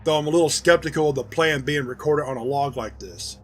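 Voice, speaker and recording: A man's voice: fairly high pitch, brisk, faint music behind, lightly acted. A man voicing a skeptical, hesitant male security agent in a dramatized audio log. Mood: doubtful.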